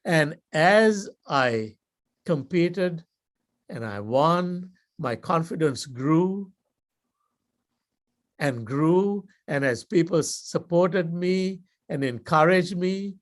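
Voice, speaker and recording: This older guest speaker, a Sri Lankan man with a Sri Lankan accent, delivers a motivational speech at a club in a slow, deliberate storytelling manner with dramatic pauses. His voice is fairly high, and his intonation is lively.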